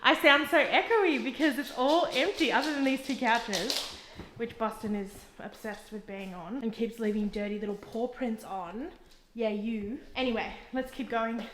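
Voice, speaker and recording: A woman's voice: on the high side, moderate pace, fairly bright tone. Young woman echoing through empty rooms. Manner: chatty, full of "like" fillers. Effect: echo of empty, bare rooms. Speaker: vlogger. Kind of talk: casual house tour chat. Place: empty house, indoors. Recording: echoey bare room, faint noise.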